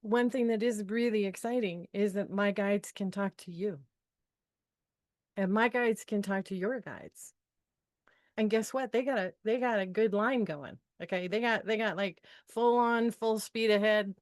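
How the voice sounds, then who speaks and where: A middle-aged woman speaking as a spiritual guide, telling personal stories in an expressive, upbeat way, laughing often and acting out the people she quotes. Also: mid-range voice, a little slow, no room sound, studio quality. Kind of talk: animated personal storytelling talk.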